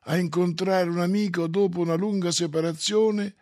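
A man narrating a classic novel for an audiobook in a measured, solemn way. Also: high-pitched, steady tone, a little mellow, no room sound, studio quality.

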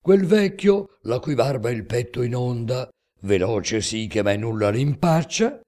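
A man voicing an aged holy man who calmly explains heaven's mysteries in recited epic verse, with a measured, solemn delivery. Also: medium pitch, voice pushed up, lightly acted.

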